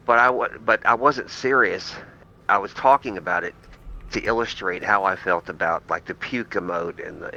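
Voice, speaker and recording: A man's voice: low voice, creaky, pushed and bright, dull audio. A man on a podcast, earnestly explaining himself in casual chat, with frequent restarts. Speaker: podcast guest.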